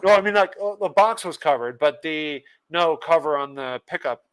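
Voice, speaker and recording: Male host, casual livestream chat, chuckling, reads comments aloud, slightly high, smooth tone. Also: lively intonation, moderate pace. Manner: laughs often, reads viewer comments aloud. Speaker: podcast host.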